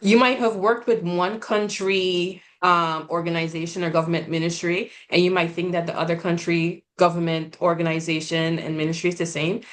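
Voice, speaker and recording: A woman from Guyana, speaking earnestly on a webinar panel, often pausing with "um" and asking "right?". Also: on the low side, level tone. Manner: earnest, measured, with frequent "um" and "right?". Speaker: regional representative. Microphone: video call.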